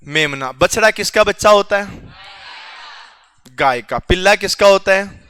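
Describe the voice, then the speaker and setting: A man's voice: high-pitched, unhurried, sharp tone, clear, resonant tone. A male teacher quizzing his students in a classroom, teasing and joking with them as he goes, with a Rajasthani Hindi accent.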